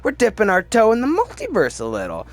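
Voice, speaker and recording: This male host talks fast in a high-pitched voice with huge swings in pitch, delivering casual, opinionated commentary in a film ranking video. He rambles freely and keeps repeating words to drive points home.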